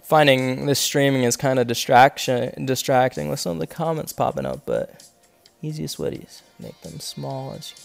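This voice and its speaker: A game streamer giving live commentary walks through his golf game shot by shot, reasoning aloud with many fillers. His voice is gravelly and full of vocal fry, pitched mid-range for a man, animated but congested, with occasional coughs, and faint music plays behind him.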